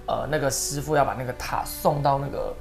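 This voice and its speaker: A woman guest telling stories in an interview, animated and emotional, sometimes tearful. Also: very deep voice, brisk, creaky, faint music behind. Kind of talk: storytelling interview.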